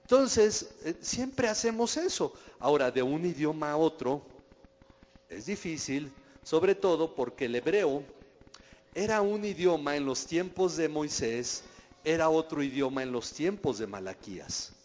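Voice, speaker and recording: Pastor preaching in a hall. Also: male voice, fairly high pitch, very animated, measured pace, a little mellow. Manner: conversational, asks the audience questions. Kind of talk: sermon teaching. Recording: dull recording in a reverberant hall.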